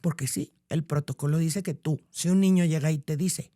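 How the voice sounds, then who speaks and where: A woman's voice: low voice, normal speed. A middle-aged woman, a podcast guest telling a story in casual conversation and acting out the voices of the people in it. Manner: animated, acts out quoted voices.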